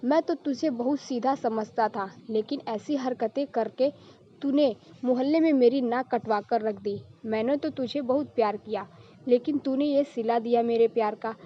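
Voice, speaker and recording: Scolding young husband as a woman reads him, indignant, high-ish, dull audio. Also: moderate pace, close to an everyday voice. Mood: angry. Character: angry young husband, stern man.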